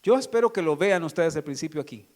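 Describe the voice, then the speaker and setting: High-voiced man preaching a sermon. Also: expressive, quick pace, darkish tone. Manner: preaching with rhetorical questions to the congregation. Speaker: pastor.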